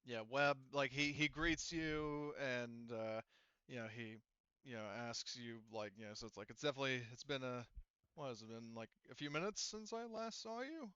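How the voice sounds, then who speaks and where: As game master of a tabletop roleplaying game, a man narrates in a bright, smooth, mid-range voice, conversational and halting while he improvises. The sound is close and dry, without echo, and slightly muffled on top.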